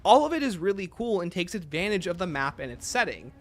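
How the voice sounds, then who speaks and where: A man's voice: sits high, very animated, fairly quick, faint music behind. A man hosting a livestream, giving opinionated casual commentary and answering chat messages aloud. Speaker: livestream host.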